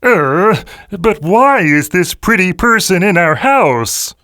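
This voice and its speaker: A woman voicing a cautious little dwarf with a gruff, wary manner. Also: fairly low pitch, animated, takes it slowly, a bit bright, dry recording, studio quality.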